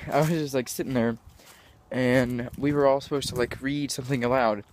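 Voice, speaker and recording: This teen vlogger sounds stuffed up and nasal from congested sinuses as he films himself on a phone at arm's length, jokily rambling and poking fun at himself. He starts out in cold woods and later moves indoors, speaking at a normal speed with medium pitch and a steady tone over slight background noise.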